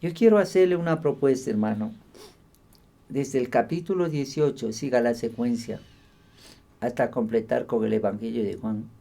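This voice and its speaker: A man with an Ecuadorian accent preaching a livestreamed sermon as pastor, building to fervent, loud emphasis. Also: mid-range voice, moderate pace, creaky. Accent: Ecuadorian Spanish.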